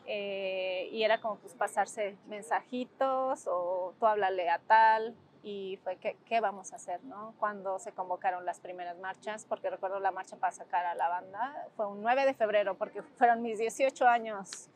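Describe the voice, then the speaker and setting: In a documentary interview, a woman in her forties recalls the past with emotion and reflection, her Mexican Spanish accent clear and her phrases often ending in tag questions. She was a student activist. Her mid-range voice holds a steady tone at a moderate pace, with hardly any pauses.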